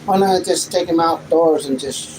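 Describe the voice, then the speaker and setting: A man's voice: on the high side, moderate pace. A man tossing out short joking quips during a casual family chat. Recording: distant mic in a noisy room.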